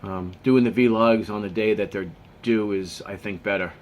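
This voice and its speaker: A man vlogging to camera in a casual, earnest way, with many restarts, often dropping low and quiet on sincere points. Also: fairly even intonation, moderate pace.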